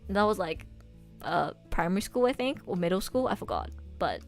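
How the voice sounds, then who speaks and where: A woman's voice: on the low side, very animated, a little fast. A young adult woman chatting casually to livestream viewers in bubbly anime-fan slang, speaking while recovering from oral surgery with stitches in her mouth. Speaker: livestreamer and voice actor. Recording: music playing behind the voice. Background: music.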